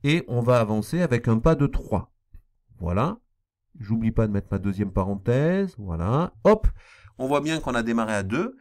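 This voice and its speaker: A man's voice: mid-range voice, sing-song, moderate pace, a little mellow. A man teaching a programming lesson, explaining step by step and repeating key points, with a slight accent he apologizes for. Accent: non-standard accent he apologizes for. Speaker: math teacher. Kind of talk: screen-recorded programming lesson.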